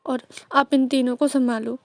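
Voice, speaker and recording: A woman's voice: high voice, fairly even intonation, normal speed, dry recording. A woman voicing a distressed young man who pleads and repeats himself. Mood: pleading.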